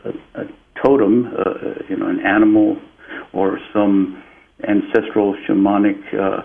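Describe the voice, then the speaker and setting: A Peruvian man, a guest in an interview, tells a spiritual story slowly and reflectively, often repeating "and" while he looks for words. His gravelly voice is fairly low and barely moves in pitch, and the line sounds thin and tinny, like a phone.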